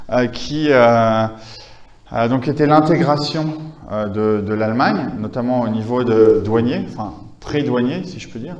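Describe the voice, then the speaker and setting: A man's voice: mid-range voice, a little mellow, reverberant, lo-fi sound, slight background noise. A man giving a conference lecture, talking with many hesitations, fillers and restarts. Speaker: conference speaker.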